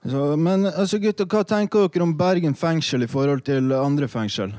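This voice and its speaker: Male radio host, twenties, crisp clean tone, dry sound. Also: a little high, a little mellow, no echo. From Northern Norway. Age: 20s. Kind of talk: casual radio hosting.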